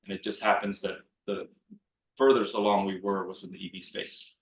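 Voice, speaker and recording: A man, a startup co-founder, talking casually in a panel and pausing often with fillers. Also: low voice, flat delivery. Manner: halting, lots of fillers. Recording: echoey, dull lo-fi room sound.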